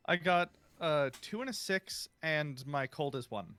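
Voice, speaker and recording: A man's voice: on the high side, animated, measured pace, pushed and bright, a little hiss or hum. A man talking casually as a player in a tabletop role-playing game.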